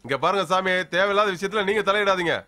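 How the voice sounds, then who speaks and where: A man's voice: sits high, fairly even intonation, fast, sharp tone. An actor playing a bossy, impatient man giving brusque orders at a temple food line in a film drama. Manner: brusque, commanding.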